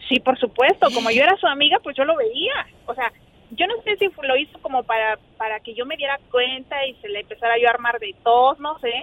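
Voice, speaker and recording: A woman's voice: sits high, a little fast, narrow, tinny audio. A Mexican woman telling a personal story as a guest in casual, chatty speech, acting out the remarks she quotes.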